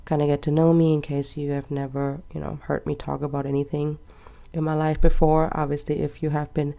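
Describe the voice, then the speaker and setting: A planner vlogger in her twenties chats and rambles as she decorates her planner, letting out soft laughs. Her voice is low and creaky, with little pitch movement and a slightly quick pace.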